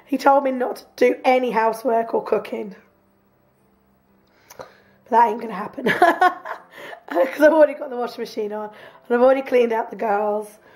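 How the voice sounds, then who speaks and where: A woman with a hoarse, croaky voice from a cough, chatting casually in a rambling home video diary and laughing often. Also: on the high side, darkish tone. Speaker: vlogger. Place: home, sofa in front room.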